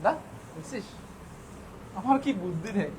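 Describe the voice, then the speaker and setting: Unhurried and expressive, the English teacher speaks with a high-pitched voice while teaching classroom vocabulary. He poses questions to his students and answers them himself, over faint background noise.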